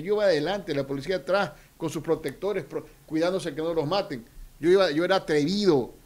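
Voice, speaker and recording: A middle-aged man speaks as a political candidate on a radio interview. His high voice is forceful and theatrical, and he often swells into near-shouting. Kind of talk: radio interview, campaign speech.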